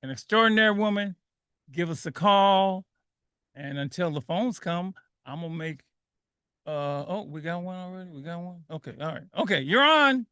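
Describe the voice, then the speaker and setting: A man's voice: high-pitched, expressive, moderate pace, pushed and bright, clear, resonant tone, dry recording, clean studio sound. A man hosting a call-in radio show who talks with energy, repeats his phrases and laughs easily. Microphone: studio microphone.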